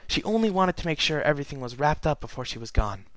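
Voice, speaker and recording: A man's voice: on the high side, big pitch swings, fast, a bit bright, no room sound. A man voicing a regal, sorrowful immortal pony princess, reading her letter in a solemn, earnest way. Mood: solemn, wistful. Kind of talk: fan fiction reading.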